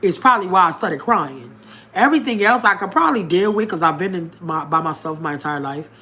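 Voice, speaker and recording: A woman telling a personal story straight to her viewers, outspoken and straightforward, with a colloquial, emphatic delivery that jumps up in pitch and loudness. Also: lively intonation, a little fast.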